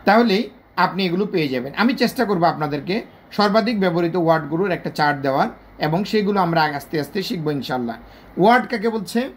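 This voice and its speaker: Here an English teacher with a Bangladeshi Bengali accent talks through a video lesson, voice expressive and medium in pitch. The delivery is patient, going over points more than once and slowing example words down to single syllables.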